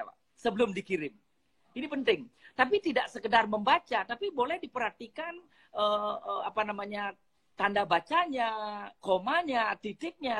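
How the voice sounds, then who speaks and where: A woman's voice: mid-range voice, fairly bright tone, husky. A woman speaking as a guest on an online live talk, politely giving numbered tips on communication. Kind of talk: instructional live chat. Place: online video call.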